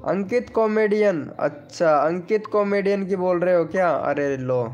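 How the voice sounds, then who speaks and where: A man's voice: high voice, unhurried, a little mellow, dull audio. A man hosting a casual live stream, chatting with viewers and reading out their names and comments. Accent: Hindi. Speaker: live stream host promoting channels. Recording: faint background music.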